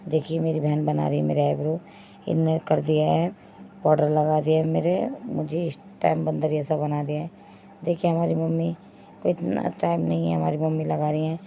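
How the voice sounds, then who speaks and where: A young woman vlogs casually from home, talking directly to her viewers, pointing things out and repeatedly saying "dekhiye." Her deep, gravelly voice shows little pitch movement at a moderate pace, captured in dull lo-fi phone audio with faint noise.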